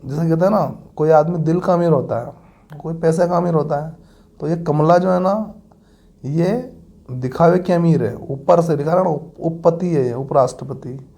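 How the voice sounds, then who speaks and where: Man, exam-prep teacher, homely, mellow dark voice, somewhat high. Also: normal speed. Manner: homely, addresses students as beta and bhaiya. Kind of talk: exam-prep mnemonic lesson.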